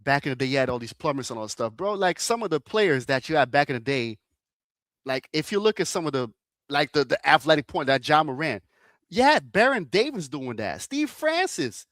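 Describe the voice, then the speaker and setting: A man's voice: on the high side, very animated, a little fast, a bit bright, no room sound, clean studio sound. A man in his thirties in a casual sports chat, easygoing and agreeable, using slang. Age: 30s.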